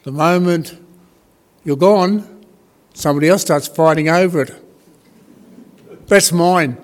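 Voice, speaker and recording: A man preaching a sermon as a priest, reading scripture slowly and deliberately with pauses. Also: on the high side.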